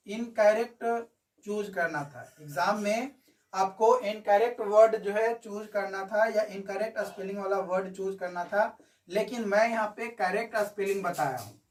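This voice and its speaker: High-voiced man teaching from a distance. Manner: explanatory, repeats key points, chatty asides. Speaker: exam coaching teacher. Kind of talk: explaining exam answers in a video lesson.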